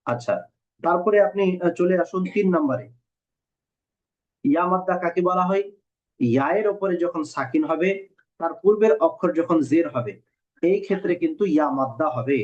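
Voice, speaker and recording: A man teaching Quran reading in a recorded lesson, patiently repeating rules and spelling letters out slowly. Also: fairly high pitch, animated. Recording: dull lo-fi recording.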